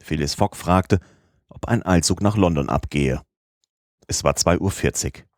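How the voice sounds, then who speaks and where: A man calmly narrating a classic novel as an audiobook, in a measured reading style. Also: low-pitched, no room sound, studio quality.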